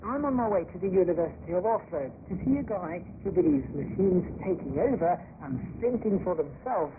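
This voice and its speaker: A radio reporter with a high-pitched voice and lively intonation narrates a scripted feature report fairly quickly. It comes through as a tinny, hissy shortwave broadcast.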